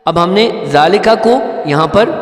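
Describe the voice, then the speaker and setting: High-voiced man teaching recitation, echoey hall. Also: soft background music. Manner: patient step-by-step explanation, breaking into slow melodic chanting. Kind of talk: tajweed lesson with chanted recitation.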